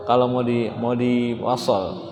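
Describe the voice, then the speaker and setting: A man from Indonesia teaching Quran reading, explaining slowly and chanting verses in melodic recitation in a large mosque hall. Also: medium pitch, fairly even intonation, a little mellow, faint music behind. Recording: echoey mosque hall with reverb.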